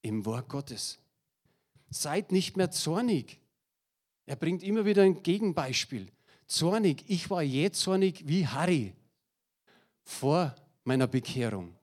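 Lively middle-aged German preacher. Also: male voice, on the high side, takes it slowly, pauses often. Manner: lively, addresses the congregation directly, with a slide presentation; personal anecdotes with self-deprecating humor. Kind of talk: sermon.

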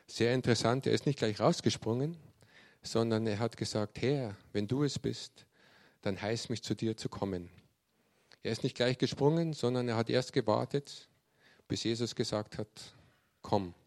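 A man preaches to a youth group, his voice carrying a gravelly edge at a middle pitch. He tells the scripture story with lively energy and acts out the quoted speech as he goes. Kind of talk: sermon with Bible reading.

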